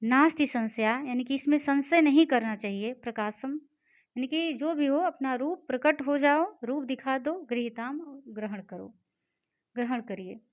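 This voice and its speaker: A woman's voice: high-pitched, a little slow. A woman teaching a Sanskrit lesson. She reads each line of the text and then explains it in simple words. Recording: dull lo-fi recording.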